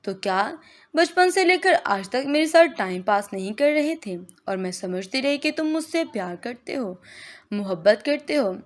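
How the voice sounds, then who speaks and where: A young woman who sulks and reproaches her boyfriend, as a storyteller puts her on. The high, clear voice of the reader stays close to her own, reading the lines in storybook fashion. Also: expressive, lightly acted. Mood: upset, tearful. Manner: sulky and reproachful. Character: young woman, sulky, quick to tears.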